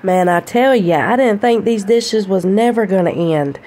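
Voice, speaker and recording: A down-to-earth woman talks through her cleaning day in a casual voice-over. Her voice is mellow and warm, and she chats and laughs at herself. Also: mid-range voice, moderate pace. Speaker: cleaning vlogger.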